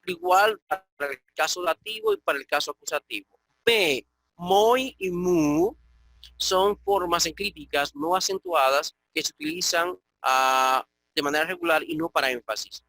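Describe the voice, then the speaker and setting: A man's voice: fairly high pitch, moderate pace, pushed and bright, dry recording, rough recording. A man from the Dominican Republic teaching an online Koine Greek class, explaining patiently and often checking in with his students. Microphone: computer mic on an online call.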